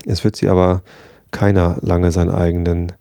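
Fearful frontier settler, urgent warnings, read by a man, dark dry voice. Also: low-pitched, level tone, moderate pace, vocal fry, no room sound. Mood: anxious.

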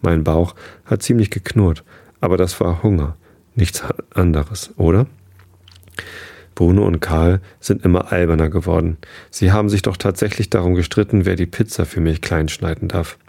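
Low-voiced man with a gravelly, dark tone narrating a kids' story. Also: fairly even intonation, normal speed. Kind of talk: scripted narration of a children's story.

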